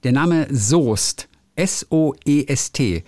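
Lively-voiced man in casual chat. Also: mid-range voice, takes it slowly, dry recording. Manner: explains word pronunciations, chatty with fillers. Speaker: radio host.

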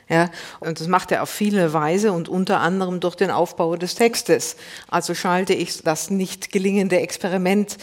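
A woman discussing a literary text in a thoughtful, explanatory way, pausing with fillers. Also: mid-range voice. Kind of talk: analytical discussion.

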